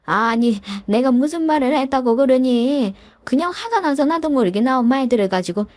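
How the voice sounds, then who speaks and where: A woman voicing an elderly mother-in-law who laments slowly and pleads, in a dramatized story reading. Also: high-pitched, expressive, darkish tone, no room sound, clean studio sound. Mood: grudging. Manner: drawn-out lamenting delivery.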